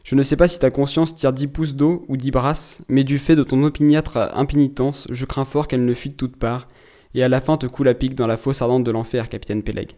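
A man's voice: mid-range voice, steady tone, a little fast, warm tone, lightly acted. A man voicing a pious, stingy old shipowner with a sepulchral voice, grave and imperturbable. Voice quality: sepulchral, hollow.

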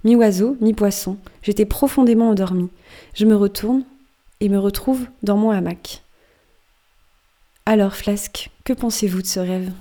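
A woman narrates as a cocky old-time sailor spinning a yarn about his dream, conspiratorial and amused. The voice is mellow and dark, steady in pitch, never rushed into a shout. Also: lightly acted. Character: wry, boastful male sailor telling his dream. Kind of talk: audiobook reading.

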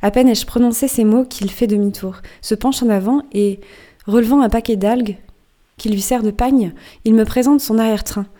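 A woman reading an audiobook as a wry, boastful male sailor who recounts a strange dream in a lively, conspiratorial way. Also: a little high, moderate pace, natural voice.

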